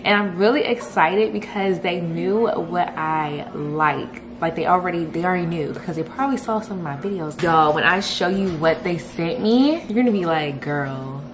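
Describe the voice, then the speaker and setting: A lifestyle vlogger in her twenties chats casually to camera in her bedroom and kitchen at home, packing in fillers and calling her viewers "y'all." Her voice is on the low side with lively intonation, moving at a moderate pace with few pauses over a noisy background.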